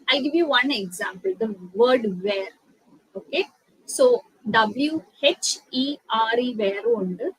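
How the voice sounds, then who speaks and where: Female English tutor, young, Malayali accent, dry close sound, drawn-out careful delivery. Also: a little high, a bit bright, slightly rough, no room sound, poor audio. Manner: slow, deliberate English explanations, mixed with rapid Malayalam; spells out words letter by letter. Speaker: English teacher. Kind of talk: online spoken-English lesson.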